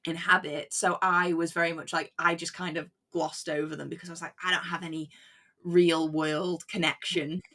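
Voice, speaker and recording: A woman with a low, gravelly voice talks casually about books as a podcast guest. She is lively and chatty, with frequent laughs. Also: moderate pace. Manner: chatty and animated, laughs often. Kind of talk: casual book chat.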